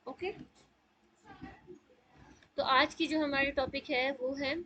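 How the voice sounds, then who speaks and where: A woman's voice: high-pitched, flat delivery, sharp tone, lo-fi sound. A woman teaching a tajweed class over a video call, encouraging her students and mixing in English words.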